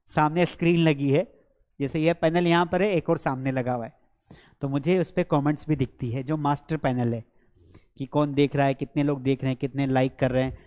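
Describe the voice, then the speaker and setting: A man teaching English grammar in a live online class, repeating example sentences slowly and checking that students follow; his first language is Hindi. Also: on the high side, darkish tone, long reverb tail. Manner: slow, drilled repetition of example sentences; coaxing, checks understanding with repeated questions. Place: studio with a board and screens.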